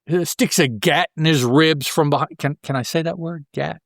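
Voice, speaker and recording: Recapping a comic book story on his podcast, a man with a slightly higher voice chats informally and cracks jokes along the way. He speaks at a moderate pace with some vocal fry and a somewhat bright tone, recorded close, fairly dry, and with no room sound.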